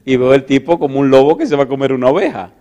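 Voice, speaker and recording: A middle-aged man preaching, telling a story with laughter and big swings from loud to hushed. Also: mid-range voice, very fast, muffled recording. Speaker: pastor. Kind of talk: storytelling sermon.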